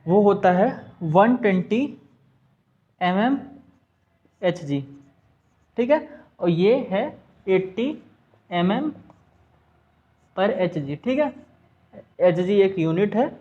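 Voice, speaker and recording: A man's voice: sits high, expressive, drawn-out words, long pauses. Man, Hindi accent, science teacher, repeats and quizzes himself, muffled lo-fi audio. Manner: repetitive, asks and answers own questions, mixes English terms. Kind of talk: class lesson.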